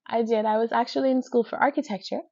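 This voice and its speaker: A woman with a New York accent, talking casually as a podcast guest about her work as a fashion designer, chatty and quick to laugh. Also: on the high side, steady tone, darkish tone, lo-fi sound. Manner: chatty, laughs easily, quotes her own thoughts.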